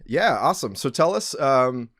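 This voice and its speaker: A man hosts a podcast in an easygoing, conversational way, leaning on fillers and letting his phrases fade at the ends. His voice sits in a middle pitch, and the recording is dry, with no room sound. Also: big pitch swings, moderate pace, fairly bright tone, no echo. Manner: upbeat, filler-heavy, trailing off at phrase ends. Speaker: podcast host.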